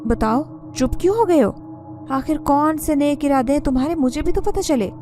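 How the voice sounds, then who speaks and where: A woman's voice: high voice, normal speed, mellow, a little hiss or hum, pitched above the performer's own voice, natural voice. A woman voicing a stern, scolding old female housekeeper in a spoken story. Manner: scolding, raised voice.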